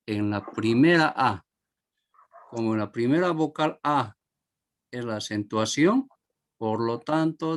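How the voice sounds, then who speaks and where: A man teaching a grammar lesson to a class, repeating each example word and asking if everyone understood. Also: mid-range voice.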